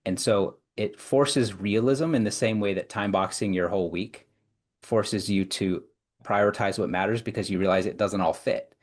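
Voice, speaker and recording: A man with a notably deep voice speaks as an interview guest. He lays out his points in long, careful chains of reasoning, often circling back to restart a phrase. The delivery is measured and explanatory. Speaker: clinical psychologist and executive coach, guest.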